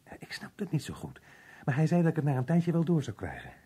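A confused, evasive fellow in an old radio show. His voice is very husky and mellow, and he rambles haltingly with lively swings in pitch. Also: exaggerated voice. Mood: rambling, confused. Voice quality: husky, rough. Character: muddled, evasive working-class man, slow to grasp questions. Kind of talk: old radio drama acting.

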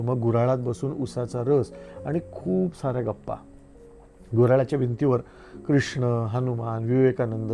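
A middle-aged man from India reads his own essays in a slow, reflective storytelling manner. His voice is gravelly and dark, with soft guitar playing faintly behind him. Pauses sit between his phrases. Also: medium pitch. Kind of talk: literary book reading.

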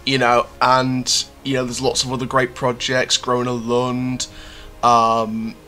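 A man's voice: mid-range voice, monotone, measured pace, bright, forceful tone, faint music behind. A young man from the United Kingdom giving a theme park news update in a chatty way, with many fillers and restarts, recorded in a small room at home with the camera close to his face. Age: young adult. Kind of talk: news update reading, then casual commentary.

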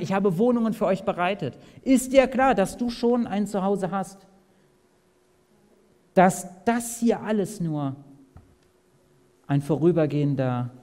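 Man preaching in a reverberant hall. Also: sits high. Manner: asks the audience direct questions, swings between loud and soft. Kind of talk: sermon. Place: large hall at a camp meeting.

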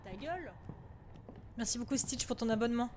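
A woman's voice: a little high, brisk, noisy background. A woman streaming a horror game live, jittery and swearing often as she scolds the ghosts on screen. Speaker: gaming streamer. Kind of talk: live horror gameplay commentary.

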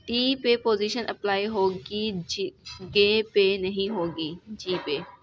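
A woman with a Pakistani Urdu accent teaching shorthand in a recorded lesson, going slowly step by step and checking in with the class after each point. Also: medium pitch, faint music behind. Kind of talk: recorded lesson explaining examples. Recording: dull lo-fi recording with faint noise.

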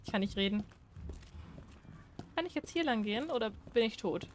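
A woman's voice: on the high side, animated, normal speed, a little hiss or hum. Chatty jumpy woman gaming. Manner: chatty, talks to herself and the game, jumpy. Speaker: let's play gamer. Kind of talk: horror game commentary.

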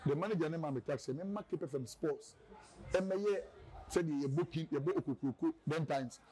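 Mellow-voiced Ghanaian man telling his story. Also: on the high side, brisk, poor audio. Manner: rambling, mixes local language and English. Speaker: radio presenter, guest. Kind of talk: casual interview storytelling.

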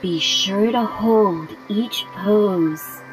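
A woman voicing a calm female robot yoga instructor in a video game, speaking in a slow, even, robotic way. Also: medium pitch, rough recording. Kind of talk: video game character dialogue. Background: game music.

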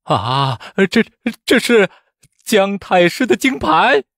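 A man voicing a greedy, cowardly male exam official who mocks candidates with a shrill, sneering voice. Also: big pitch swings, moderate pace, dry recording, clean studio sound. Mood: frightened. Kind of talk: storytelling voice acting.

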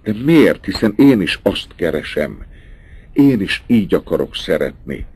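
A man's voice: low-pitched, big pitch swings, a little mellow, husky, pitched above the performer's own voice, full character voice. A male audiobook reader voicing a passionate young man who speaks eagerly and insistently. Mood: ardent. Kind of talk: audiobook dialogue.

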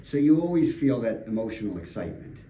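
A man's voice: mid-range voice, big pitch swings, fast talker, dark tone, a little hiss or hum. An older man, a realtor, talking earnestly in a radio studio interview, telling stories with emphatic repetitions. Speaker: realtor guest. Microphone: desk microphone. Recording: roomy studio, distant mic.

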